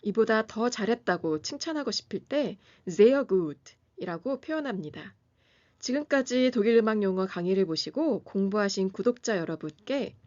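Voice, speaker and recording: A woman hosting a music lesson, reading a scripted lesson and pronouncing German terms slowly and carefully. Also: a little high, a little mellow, dull audio. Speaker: piano teacher and channel host.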